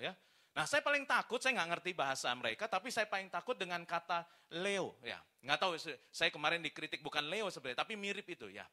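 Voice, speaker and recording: A man preaching a sermon at a church service, telling stories in a lively way and often turning to the congregation. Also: fairly high pitch. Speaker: pastor.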